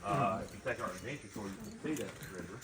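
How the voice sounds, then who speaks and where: A man's voice: fairly low pitch, fast talker, crowd noise. A man with a Southern US accent working as a cave tour guide, talking informally to visitors in a folksy, joking manner. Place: inside a limestone cave. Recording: echoing cave, distant mic, noisy.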